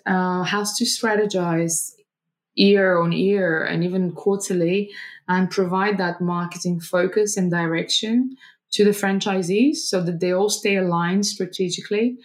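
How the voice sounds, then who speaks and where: Woman, lower voice. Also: rough recording. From Bulgaria. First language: Bulgarian. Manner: fluent and explanatory, with frequent ums and restarts. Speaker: guest, marketing agency director. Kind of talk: conversational interview answers.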